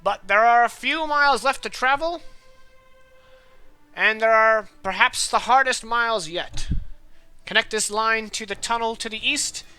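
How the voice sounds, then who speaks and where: A man doing a booming railroad tycoon through a megaphone. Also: pushed and bright, clear, resonant tone, faint music behind, exaggerated voice. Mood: triumphant. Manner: booming, slow and pompous speech-making. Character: grandiose male railroad tycoon addressing workers. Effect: speaking through a megaphone. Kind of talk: game master voicing a character in a tabletop game.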